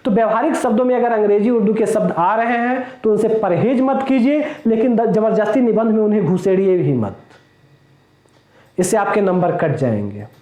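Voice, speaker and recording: A man with a very high voice teaches a class. He explains step by step, repeats key points and throws rhetorical questions at his students. His voice echoes around the room. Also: normal speed, warm tone. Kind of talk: classroom lecture.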